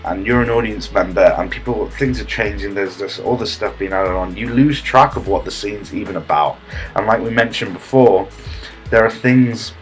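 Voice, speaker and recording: A man giving a deadpan parody comedy tutorial, smug and rambling, with halting restarts and a husky voice. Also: lowish voice.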